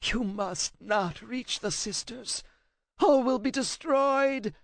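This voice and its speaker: A man voicing a terrified, cornered male scribe who rasps and pleads in a frantic, near-shouting voice. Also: very high-pitched, slow pace, dry recording, voice pushed up, exaggerated voice. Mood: frightened. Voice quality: raspy.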